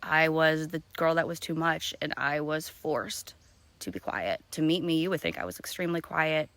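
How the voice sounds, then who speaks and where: A woman's voice: deep voice, normal speed, fairly bright tone, dry recording. A woman talking in a rambling, filler-heavy, partly whispered way in a casual personal vlog, recorded outdoors in the woods. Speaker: vlogger.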